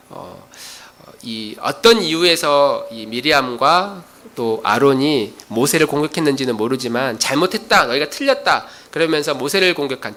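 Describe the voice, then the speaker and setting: Middle-aged guy preaching, voice swings all over, acts out the arguments. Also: mid-range voice. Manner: animated, acts out quarrels in his own voice. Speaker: pastor. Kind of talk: sermon.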